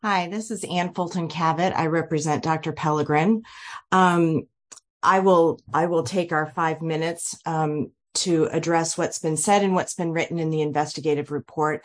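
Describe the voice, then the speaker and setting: Attorney: woman, lowish voice, formal, firm and measured, remote hearing. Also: fairly even intonation. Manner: measured, assertive, argumentative. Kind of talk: formal legal statement.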